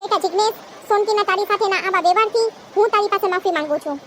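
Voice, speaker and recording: A kind, regretful elderly mother-in-law from a cartoon, as a woman puts her on, tender and apologetic. The voice stays very high. A hiss runs underneath. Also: very fast, fairly bright tone. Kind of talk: cartoon voice acting. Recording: noisy background hiss.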